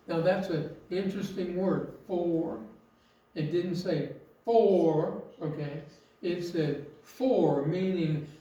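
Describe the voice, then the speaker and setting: A man delivers a sermon in a high, unhurried voice, leaning on rhetorical questions and emphatic phrasing. He stands some distance from the mic. The heavy echo of a church hall surrounds every word. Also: darkish tone. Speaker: preacher. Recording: very echoey, from off mic.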